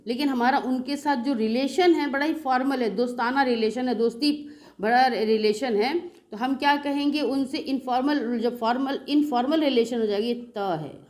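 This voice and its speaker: A woman with an Indian English accent teaching a beginners' spoken English class, patiently explaining and asking rhetorical questions. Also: fairly high pitch. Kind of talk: classroom lesson explaining in Hindi.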